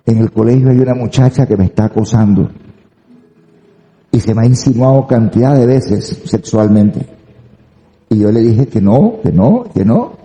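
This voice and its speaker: A male pastor preaching a sermon, telling stories in an animated way and acting out the voices of the people he quotes. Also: mid-range voice, normal speed, roomy sound, long reverb tail, slight background noise, rough recording. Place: church sanctuary.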